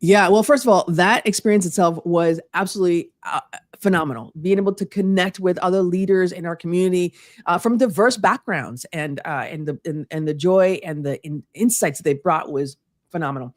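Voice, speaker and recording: Speaking briskly in a lowish voice, a Puerto Rican woman gives earnest answers as an interview guest. Spanish is her first language, so Spanish phrases weave in among frequent restarts and "you know"s. The sound is dry and of studio quality.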